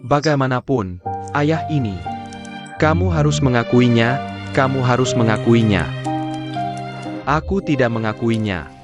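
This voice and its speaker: A man's voice: mid-range voice, a little slow, long pauses, natural voice. Man playing a stubborn old grandfather, indignant, dubbed drama, music underneath.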